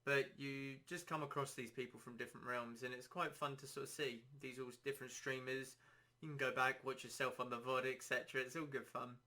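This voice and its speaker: Bright-voiced man rambling about gaming. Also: medium pitch, level tone, a little fast. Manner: rambling, self-deprecating, easygoing. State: dry throat, slightly hoarse. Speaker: podcast host. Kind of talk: casual solo podcast chat.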